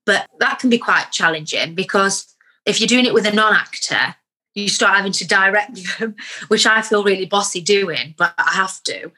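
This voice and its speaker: A young woman talks candidly about her acting life, her voice bright and clear. She rambles a little, restarts her sentences and pokes fun at herself. The tone is an easygoing interview chat. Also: medium pitch, moderate pace. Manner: chatty, candid, self-deprecating storyteller. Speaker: actor.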